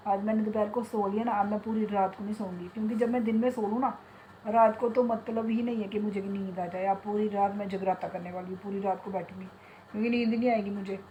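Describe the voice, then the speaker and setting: A woman's voice: medium pitch, steady tone, fast talker, warm tone, a little hiss or hum. A middle-aged woman chatting casually to her phone camera at home, rambling about her day and talking to her pet. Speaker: vlogger. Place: home kitchen and bedroom. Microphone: phone in hand.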